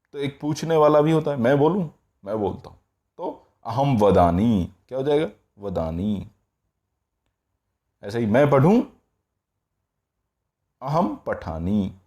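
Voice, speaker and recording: A man's voice: mid-range voice, warm tone. A man teaching Sanskrit grammar in a patient, repetitive classroom style, checking in often as he goes. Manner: patient, repeats each form slowly, often says "all right".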